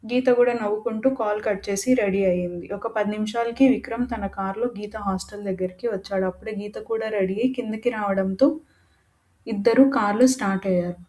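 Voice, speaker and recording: A woman narrates a romance audio story in an expressive, dramatic way. Her voice sits at a middle pitch with a dark, mellow tone. She reads like a practiced storyteller. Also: a little fast.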